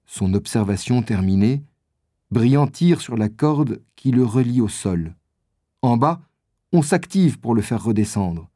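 A man narrating a children's adventure story in a measured storytelling manner. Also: medium pitch, expressive, dark tone, dry recording, studio quality.

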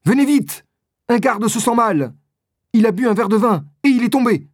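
A man voicing a frantic young male servant shouting in alarm. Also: extremely high pitch, lively intonation, moderate pace, dry recording, studio quality, pitched above the performer's own voice.

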